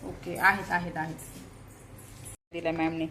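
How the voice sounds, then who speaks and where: A young woman with a Marathi accent chatting in a family vlog, talking softly to the camera and calling out loudly to her small children. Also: on the low side, flat delivery, normal speed, background noise. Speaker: vlogger and mother. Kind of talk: casual family vlog chat. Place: home and school grounds.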